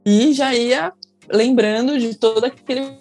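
A woman's voice: on the high side, a little slow, darkish tone, soft background music. A young woman with a Brazilian Portuguese accent telling her birth story in casual talk, emotional and acting out the people she quotes. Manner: emotional, acts out quoted people in raised voices.

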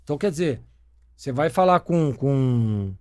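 A middle-aged man with a Brazilian accent tells stories in a casual interview, animated and swearing freely. His voice sits a little high, recorded dry and close. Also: brisk, no echo. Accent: Brazilian Portuguese. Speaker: former footballer turned sports broadcaster.

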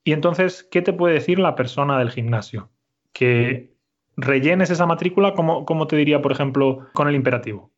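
A man teaching a Spanish lesson, speaking slowly and clearly and repeating his student's answers. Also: on the high side, highs cut off. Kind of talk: conversational language lesson.

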